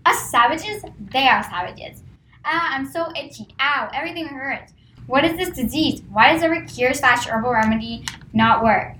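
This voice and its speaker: An earnest mountain tribe chief played by a woman speaks in a fairly high voice. It is amateur skit acting, recorded in a roomy, echoing space with a little noise. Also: lively intonation, normal speed, pushed and bright. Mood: indignant, suffering.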